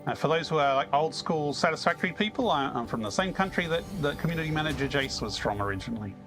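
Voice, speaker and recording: A man's voice: fairly high pitch, animated, fast talker, a bit bright, faint music behind. Chatty Australian man streaming a game. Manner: chatty and easygoing, chuckling often, chats with viewers. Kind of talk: casual live-stream chat while playing.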